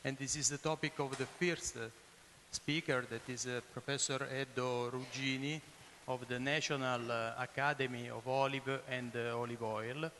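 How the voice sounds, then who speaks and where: A man introduces conference speakers as session chair, in hesitant, halting English. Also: medium pitch, steady tone, bright, forceful tone. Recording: hissy, reverberant hall sound.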